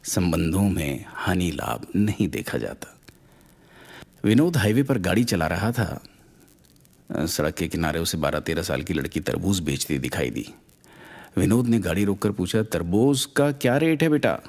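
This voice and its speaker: A man's voice: low voice, big pitch swings, unhurried, vocal fry, a little mellow. A man narrating a short story, expressively raising his voice for the characters' lines.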